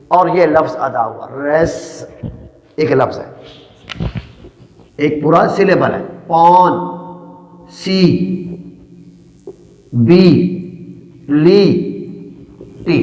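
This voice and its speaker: A man teaching a spelling lesson, speaking slowly and deliberately and breaking words into syllables. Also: sits high. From Pakistan. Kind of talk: classroom lecture. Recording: echoey room with long reverb.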